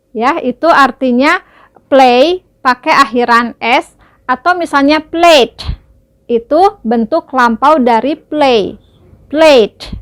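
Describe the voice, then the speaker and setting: A woman's voice: sits high, fairly bright tone. A young woman teacher explaining an English lesson patiently, often checking that listeners follow. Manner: patient, checks understanding with tag questions.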